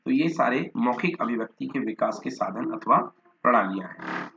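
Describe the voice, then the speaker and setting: A man's voice: medium pitch, expressive, normal speed, creaky, pushed and bright, slight background noise. A male teacher gives a lecture, working through his notes point by point. He lists terms one after another and now and then repeats or corrects a word. His voice sits in a middle range, and the recording sounds dull and lo-fi. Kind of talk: Hindi lecture reading from notes.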